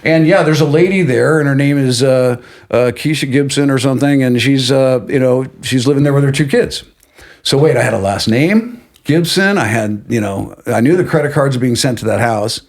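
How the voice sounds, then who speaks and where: A middle-aged man, a guest on an interview podcast, telling a personal story in a casual, animated way and acting out what others said. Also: mid-range voice, moderate pace. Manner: animated, acts out quotes of others.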